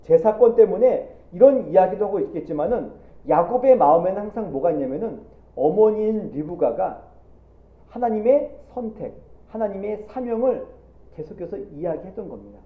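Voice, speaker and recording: Male pastor, animated sermon delivery; roomy echo, thin narrow-band recording. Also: high-pitched, moderate pace. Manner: animated preaching, acting out Bible figures in quotes. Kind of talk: Sunday sermon. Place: church sanctuary. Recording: echoey church, phone-like audio.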